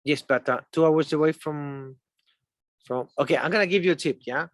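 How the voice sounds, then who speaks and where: Recorded at studio quality with no echo, a Chilean English teacher speaks at a moderate pace in a slightly high voice. A native Spanish speaker with a Chilean accent, he chats interview-style and breaks explanations into steps, illustrating them with examples.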